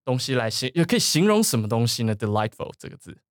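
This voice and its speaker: A man hosts a bilingual English vocabulary lesson, his speech swinging up and down in pitch as he quizzes his co-host. The sound is close and dry, with no room around it. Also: fast, dry recording. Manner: lively, questioning, prompts co-host.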